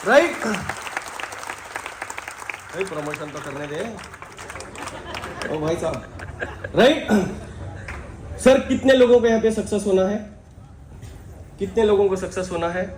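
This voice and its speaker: A man giving an energetic live motivational seminar talk, shouting questions out to his audience in a large hall. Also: high-pitched, measured pace, pauses often, slight background noise. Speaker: motivational speaker. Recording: echoey hall with crowd.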